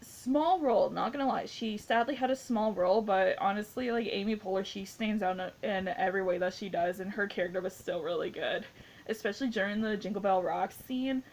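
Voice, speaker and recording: A woman's voice: medium pitch, fairly quick, a little mellow. A woman in her twenties giving a casual spoken movie review, rambling and gushing with many fillers. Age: 20s. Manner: rambling, gushing, heavy use of "like".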